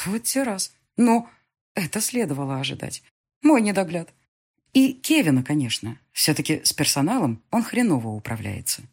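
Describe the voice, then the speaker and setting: A woman narrating a first-person story in a low, husky voice. Her delivery is lively and sardonic, swinging widely in pitch. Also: normal speed. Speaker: audiobook narrator.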